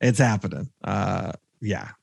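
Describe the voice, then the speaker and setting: A man hosting a movie podcast jokes and reacts quickly in casual chat. His voice has a gravelly edge, and the sound is dry and close. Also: lowish voice, animated, a little mellow, dry recording. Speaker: podcast host.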